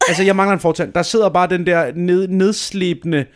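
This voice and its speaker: A man's voice: high voice, steady tone. A man in his thirties telling a dramatic, self-mocking story in a casual chat, swearing freely.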